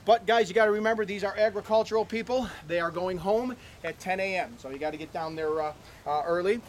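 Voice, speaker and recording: A man gives visitors a tour of his animal ranch outdoors, rattling off chatty stories at a fast clip. His voice sits high for a man, and he keeps checking in with "okay?" as he talks. Faint outdoor noise hums behind him. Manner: folksy, chatty, lots of "okay?" and "uh". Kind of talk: casual storytelling to visitors. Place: outdoors on a ranch near a barn.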